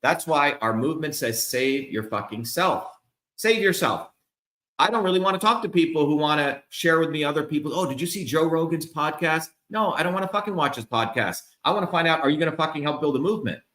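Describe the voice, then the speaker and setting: A man's voice: a little high, expressive, brisk, fairly bright tone, echoey room. A middle-aged man giving an angry, profane livestream rant as a political candidate. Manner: profane, heated, emphatic. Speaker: political candidate speaking to supporters.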